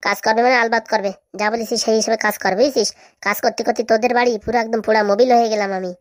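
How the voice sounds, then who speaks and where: A woman's voice: fairly high pitch, fairly even intonation, very fast, lightly acted. Woman voicing a scheming cartoon mother. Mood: conspiratorial. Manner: bossy, conspiratorial instructions. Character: scheming middle-aged mother plotting with her daughter. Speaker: cartoon voice actor. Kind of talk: comic cartoon dialogue.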